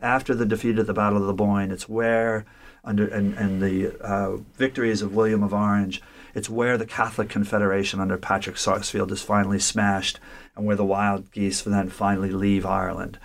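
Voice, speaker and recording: A literature scholar with a lowish, fairly flat voice talks through a story at a brisk clip. The conversation is thoughtful and lecture-like; he often restarts phrases and checks in with "right?".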